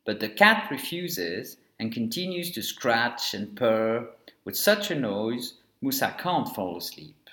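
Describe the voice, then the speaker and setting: A man reads a children's storybook aloud with a lively, sing-song lift and fall in his voice. His tone stays mid-range and even. The recording has a noticeable roomy echo around it. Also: mid-range voice, slow pace. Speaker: narrator. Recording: echoey room.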